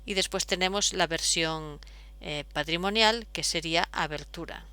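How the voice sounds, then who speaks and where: A woman's voice: lowish voice, moderate pace, pushed and bright, clear, resonant tone, no echo. A woman, explaining step by step as a teacher, patient, with frequent fillers. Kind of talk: explaining at a whiteboard.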